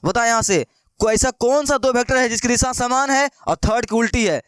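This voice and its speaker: A man's voice: very high-pitched, brisk, fairly bright tone, smooth, dry recording, clean studio sound. A young man teaching a maths lesson in with a lilt, coaxing and repeating questions to his students. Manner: coaxing, repetitive, keeps asking students questions.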